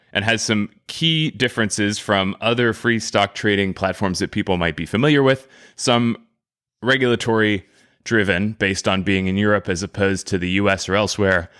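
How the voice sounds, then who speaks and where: Casting: male podcast host, lowish voice, halting question framing. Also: fairly bright tone. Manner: halting, repeats words while framing questions. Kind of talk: interview hosting.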